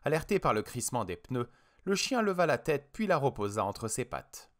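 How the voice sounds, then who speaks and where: A male narrator reads a horror story aloud as an audiobook. His voice sits in a middle pitch and rises and falls in a lively, expressive way. The reading is dramatic and measured. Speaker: audiobook reader.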